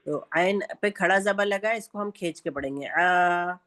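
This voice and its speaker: A woman with a Pakistani Urdu accent teaching Quran recitation in an online class, speaking slowly and patiently and stretching out sounds to demonstrate them. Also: on the low side, a bit bright.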